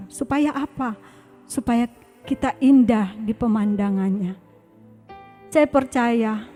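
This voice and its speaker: A woman with a fairly high voice preaches an earnest church sermon, exhorting her listeners. She turns soft and quiet when recalling prayer, with faint music playing behind her. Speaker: church speaker. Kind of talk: sermon testimony.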